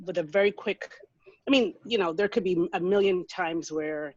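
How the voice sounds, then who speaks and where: A woman from Jamaica moderating a faculty panel and telling a personal story in a conversational, animated way. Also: on the low side, normal speed, no room sound. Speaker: moderator, business school dean. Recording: slightly dull lo-fi audio.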